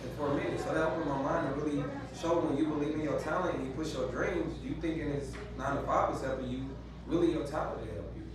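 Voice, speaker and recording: A man's voice: on the high side, fairly even intonation, a crowd in the background. A man in a casual event interview, speaking in a motivational way about talent and dreams. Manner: motivational, talks fast about chasing dreams. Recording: distant, echoey, loud-noise event recording.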